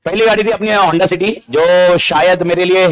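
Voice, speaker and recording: High-voiced animated male lecturer. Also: normal speed, clean tone. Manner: animated, teasing, repeats key words and asks the class questions. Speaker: accounting exam lecturer. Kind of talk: live classroom lecture streamed online. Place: classroom with students present. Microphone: amplified classroom mic.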